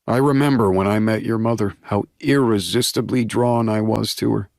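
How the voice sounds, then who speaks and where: A man's voice: fairly low pitch, fairly even intonation, normal speed, gravelly, no room sound, clean studio sound, voice pushed up. A man voicing a jovial, doting older werewolf pack leader in an audiobook, effusive and fond. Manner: warm, delighted, effusive. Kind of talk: audiobook character voice.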